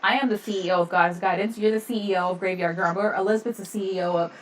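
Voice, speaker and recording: A woman's voice: medium pitch, fairly even intonation, quick pace, far from the mic. A woman co-hosting a casual live-stream chat, rambling and laughing often. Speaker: podcast co-host.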